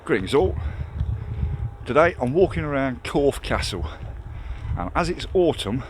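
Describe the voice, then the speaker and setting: A man's voice: big pitch swings, measured pace. A British man in his forties giving casual photography tips in a vlog, recorded outdoors. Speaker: photography vlogger. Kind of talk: casual instructional vlog talk. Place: outdoors in countryside. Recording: outdoor noise, vehicle rumble. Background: rumbling tractor and outdoor ambience.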